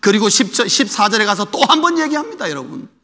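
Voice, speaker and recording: A male pastor delivers an emphatic sermon and keeps putting rhetorical questions to his congregation. His voice is very high, bright and forceful, and his pitch moves a lot. Long reverb fills the church hall around him. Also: sing-song, quick pace. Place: church sanctuary.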